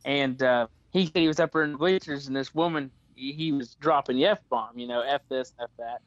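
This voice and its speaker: A man co-hosting a casual podcast, an animated storyteller who keeps saying "dude". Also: medium pitch, brisk, dry recording. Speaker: podcast co-host. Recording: dull, dry lo-fi mic.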